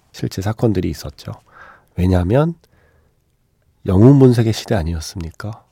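Deep, nasal, stuffed-up male radio host. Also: gravelly, dark tone, slightly rough, dry recording, clean studio sound. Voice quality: nasal, congested, stuffed-nose sound. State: stuffy nose from seasonal rhinitis. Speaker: radio film-music show host. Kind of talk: conversational radio hosting, storytelling. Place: radio studio.

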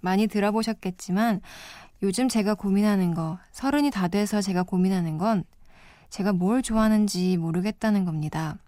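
A woman guest-hosting a late-night radio show, talking in a calm, reflective way from a studio. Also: medium pitch, normal speed, no room sound.

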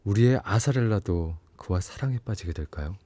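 Male narrator for scripted dramatic storytelling: lower register, dry and close. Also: expressive, brisk, dark tone, no echo. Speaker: narrator, show host.

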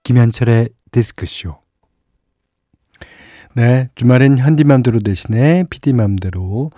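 A man's voice: mid-range voice, a little slow, no room sound, clean studio sound. A male radio DJ chatting casually on a late-night music show, reading listener messages aloud and chuckling now and then. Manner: relaxed, chatty, reads listener messages with small laughs. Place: radio studio. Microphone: studio microphone.

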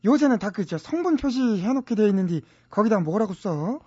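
A woman's voice: mid-range voice, sing-song, brisk, a little mellow, husky, no echo. A woman playing a naive employee who talks back to her boss in a radio comedy sketch. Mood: questioning. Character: meek female employee with a dialect. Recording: dry, slightly dull radio studio.

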